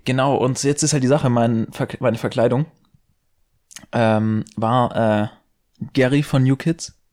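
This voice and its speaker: A man's voice: mid-range voice, steady tone, a little slow, darkish tone. A young man co-hosting a podcast, chatting casually in a hesitant, rambling way full of fillers, restarts and youth slang. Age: young adult. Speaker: podcast co-host. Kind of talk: casual chat.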